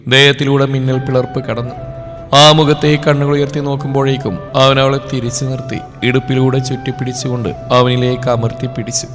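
A man reading a romance story aloud as a storyteller, in an emotive, dramatic way with short pauses between sentences. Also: mid-range voice, flat delivery. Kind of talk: scripted romance story narration. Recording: long reverb over soft background music.

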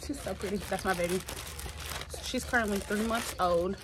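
A young woman from Tennessee talks casually to her viewers, rambling through a story in relaxed, slangy speech. Her voice sits in an ordinary middle pitch. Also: normal speed, noisy background. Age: 20s. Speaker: vlogger. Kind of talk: casual chat.

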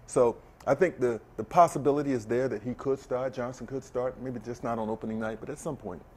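Middle-aged man explaining calmly in studio. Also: medium pitch. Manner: measured, explaining with examples. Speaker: guest, former basketball player and camp director. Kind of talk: casual studio chat. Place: TV sports studio set.

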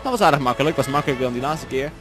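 A man's voice: mid-range voice, rapid-fire, music in the background. A man from the Netherlands with a Dutch accent, doing jokey let's-play commentary, chatty and swearing often. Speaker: gaming commentator.

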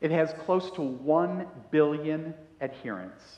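A man in his fifties, a pastor preaching a sermon on a headset mic, slow and emphatic, asking the congregation questions. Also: a little high, darkish tone. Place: church sanctuary in front of a brick wall. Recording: roomy hall echo.

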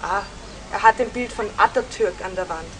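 A woman's voice: medium pitch, normal speed, a bit bright. A woman reading a first-person travel story, telling it dryly and switching into English for the quoted dialogue. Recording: clear background noise.

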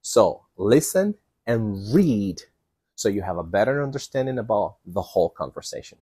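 A man's voice: on the low side, very animated, normal speed, warm tone, breathy edge. A middle-aged man hosting an English lesson to camera from a porch, speaking in an emphatic, instructional way. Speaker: English teacher, host. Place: covered porch outdoors.

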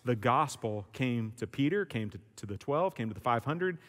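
A man's voice: medium pitch, expressive, moderate pace, a bit bright. Man preaching in a reverberant church. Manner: emphatic, conversational preaching. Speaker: pastor. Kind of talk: sermon. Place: church sanctuary. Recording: long church hall reverb.

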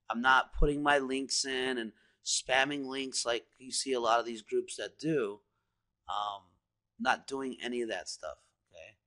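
A man with a medium-pitched, bright and forceful voice walks through a screen demo as an online marketer. His casual, rambling delivery is enthusiastic and salesy, peppered with fillers like "you know" and "guys."

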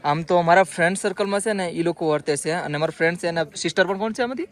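A man with a slightly raised pitch hosts a casual vlog, chatty and friendly. He greets people and keeps talking as he walks outdoors at a pilgrimage site. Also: very fast. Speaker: vlogger host.

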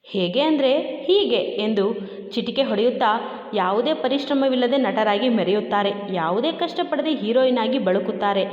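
A woman narrating a romance story aloud in steady storytelling style. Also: a little high, normal speed. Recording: dull echoey room with long reverb.

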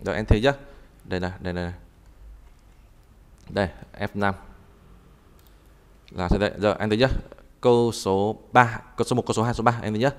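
A man teaching a live online language class, talking haltingly and repeating words as he types and explains. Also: lowish voice, level tone, smooth. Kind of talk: live online tutoring session.

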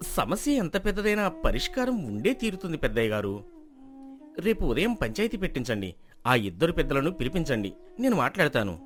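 A man's voice: a little high, huge pitch swings, soft background music. An actor playing an earnest young man from the village who argues persuasively and pleads with the elders. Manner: earnest, quick, pleading argument. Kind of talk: storybook drama acting.

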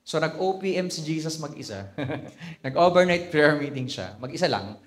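Filipino bishop preaching, animated storyteller, kinda high voice, chats with the church. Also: male voice, moderate pace. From Philippines. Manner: animated storyteller, mixing Tagalog and English, with laughing asides. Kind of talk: conversational sermon.

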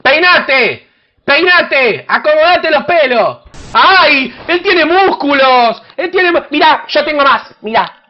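A host with an Argentine accent, brashly teasing and shouting insults at strangers in a crude comedic video chat. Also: sits high, big pitch swings, slow pace. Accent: Argentine Spanish. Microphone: computer webcam mic. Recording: dull lo-fi webcam audio with faint hiss.

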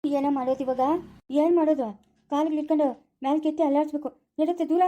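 A woman with a Chikkaballapura Kannada accent, loudly scolding in a rural family skit. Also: sits high, steady tone, fast talker, highs cut off. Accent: Kannada, Chikkaballapura area. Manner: loud scolding village dialect.

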